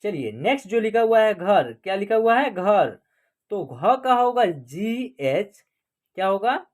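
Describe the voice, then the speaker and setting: A woman with a mid-range, darkish voice teaches an online class at a measured pace, sounding very animated. She explains things step by step and poses questions that she answers herself.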